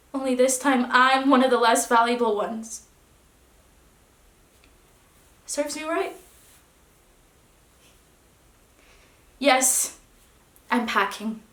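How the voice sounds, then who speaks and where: Dignified departing wife, played by a woman, stage monologue, higher voice, restrained delivery, roomy echo. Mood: firm. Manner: restrained, dropping to hushed tones, then rising. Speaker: actor. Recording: echoey room.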